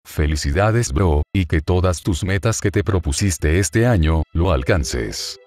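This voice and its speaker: A man reading his own fan fiction aloud in a relaxed, informal storytelling manner. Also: low voice, measured pace, a loud crowd, very noisy. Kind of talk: casual read-aloud storytelling.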